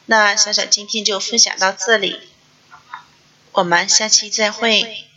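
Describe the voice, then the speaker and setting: Bright-voiced mother telling a parenting story. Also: mid-range voice, little pitch movement, a little slow, lo-fi sound. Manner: homely, chatty storytelling. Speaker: parenting class host.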